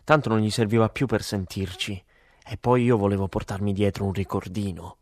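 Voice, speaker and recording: A man's voice: fairly low pitch, steady tone, a little fast, no room sound, clean studio sound, natural voice. A man voicing a drunk, belligerent young soldier in an audiobook, talking in a crude, threatening way. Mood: menacing.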